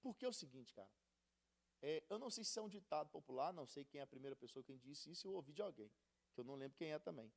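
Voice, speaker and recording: A Brazilian man preaching in a loose, conversational way, dropping slang as he teaches a Bible study. His voice sits high for a man and swings widely up and down with animated emphasis. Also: fast talker, gravelly. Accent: Brazilian Portuguese. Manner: slangy and conversational, animated, calls listeners buddy. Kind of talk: casual Bible study sermon.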